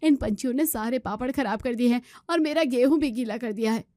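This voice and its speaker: A woman voicing a scolding middle-aged mother-in-law who nags in a shrill voice. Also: fairly quick, dark tone, no echo, clean studio sound, lightly acted. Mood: angry scolding. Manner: shrill, nagging complaints.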